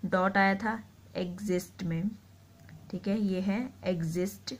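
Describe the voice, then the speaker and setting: Woman teaching shorthand, slow and patient, says words twice while writing. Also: mid-range voice, fairly even intonation. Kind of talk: explaining a lesson.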